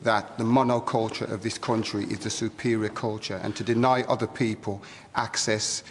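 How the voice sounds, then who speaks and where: Man, forceful, argumentative, deep-ish voice, roomy studio. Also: flat delivery, normal speed, slight background noise. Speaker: guest. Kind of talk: studio debate.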